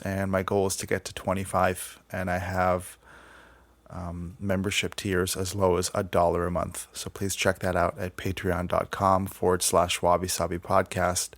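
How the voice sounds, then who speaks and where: A man speaks as a podcast host with a very low, gravelly voice. His delivery is casual, measured and fairly flat, with some hesitant phrasing. The sound is dry and close. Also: dry recording. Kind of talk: casual podcast introduction and conversation.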